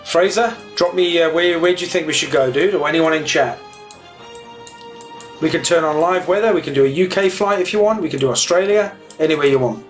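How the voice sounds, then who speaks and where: A man's voice: a little high, a little fast, soft background music. A man chatting casually and informally as he streams a flight simulator to viewers. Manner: matey, informal. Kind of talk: casual livestream chat.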